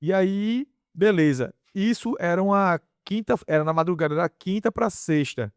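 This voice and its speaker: Animated man telling a story. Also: high-pitched, normal speed, clear, resonant tone, no room sound, clean studio sound. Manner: lively storytelling, acting out dialogue. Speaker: podcast guest. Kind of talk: casual testimony.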